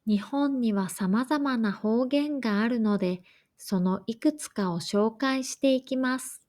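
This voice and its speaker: A woman reading a scripted lesson for learners in a slow, careful, even way. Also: fairly high pitch. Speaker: language teacher.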